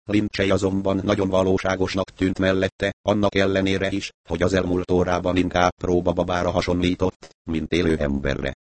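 A man reading a novel aloud as narrator, in a steady, even way. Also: low-pitched, no room sound. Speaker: audiobook narrator. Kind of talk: scripted narration.

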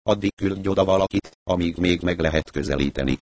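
A man reading as a gruff bearded woodcarver. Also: sits low, darkish tone, no room sound, close to an everyday voice.

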